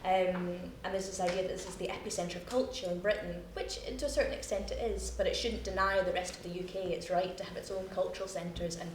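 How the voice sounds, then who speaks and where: A young Scottish playwright speaks in a post-show discussion, chatty and self-mocking, her lowish voice steady, fast and with few pauses. She's heard from a distance over a noisy room, with a far-off mic and echo.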